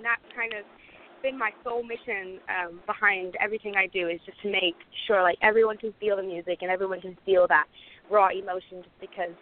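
A woman's voice: mid-range voice, a little hiss or hum. A young woman born in Lebanon, a singer answering interview questions in a casual, grateful way with many fillers. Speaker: guest singer. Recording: tinny phone-like line.

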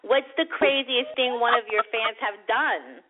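A woman's voice: fairly high pitch, lively intonation, a little slow. A woman hosting a casual interview show, chatty and joking, backing up her guest. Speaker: host. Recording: tinny phone-like line.

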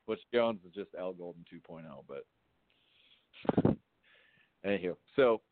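A man's voice: low voice, expressive, slow pace, no echo. A man calling in to a radio show over the phone, chatting casually and agreeably about sports. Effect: heard over a phone line. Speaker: radio call-in caller. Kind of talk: casual sports fan chat. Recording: tinny dry phone line.

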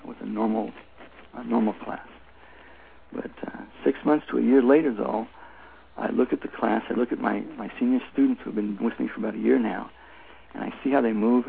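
An older man talks in a very gravelly voice, as an instructor explaining in an interview. He tells anecdotes in an emphatic, repetitive, conversational way. The sound is a narrow phone line with a faint layer of noise. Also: medium pitch. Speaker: Tai Chi instructor, interview guest.

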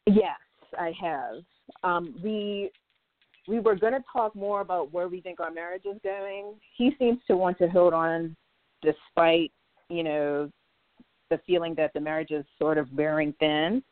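A woman calling in over the phone, soft-spoken and hesitant, choosing her words carefully. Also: fairly low pitch, measured pace, dry recording. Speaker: caller. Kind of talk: call-in question. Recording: dry, tinny phone line.

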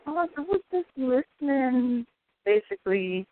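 A woman calling in to a radio advice show, her voice muffled as if heard through a wall, talking quietly and hesitantly. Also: sits high, very animated, a little slow. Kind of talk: call-in chat. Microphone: telephone. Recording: muffled tinny phone line, dry.

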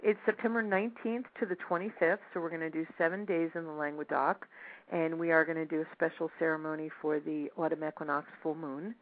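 A woman's voice: low voice, steady tone, brisk. A woman guest in a conversational radio interview, explaining in long, flowing, descriptive lists. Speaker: interview guest, tour leader. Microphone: phone. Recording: narrow tinny phone line.

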